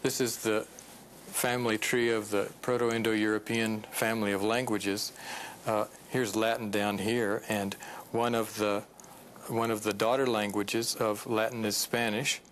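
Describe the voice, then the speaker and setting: A man, a linguist, answering interview questions in a relaxed, explanatory way with small hesitations. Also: on the low side, a little slow, a little hiss or hum.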